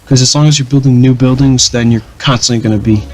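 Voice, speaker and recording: A young gaming channel host rambles through his strategy campaign in casual gameplay commentary, unhurried and full of ums, uhs and restarts. His voice sits in an ordinary middle male range and sounds flat and a bit dull. Soft music plays in the background.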